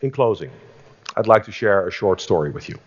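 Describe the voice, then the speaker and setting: A chief executive giving an enthusiastic conference keynote, telling a story with frequent restarts. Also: male voice, on the low side, expressive, fairly quick, a little hiss or hum. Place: conference stage. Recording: reverberant hall, dull sound.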